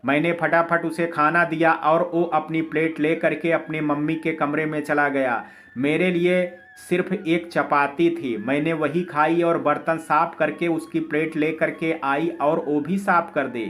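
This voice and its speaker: A man narrating a first-person life story in a calm, even storytelling manner. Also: on the high side, unhurried.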